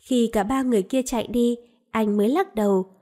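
A woman narrating a romance novel calmly and evenly. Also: fairly high pitch, brisk. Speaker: audiobook narrator.

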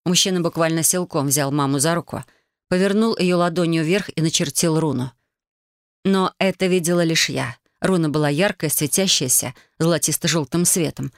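A woman narrating a first-person novel as an audiobook, reading in a lively, expressive way. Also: low voice, dry recording, clean studio sound.

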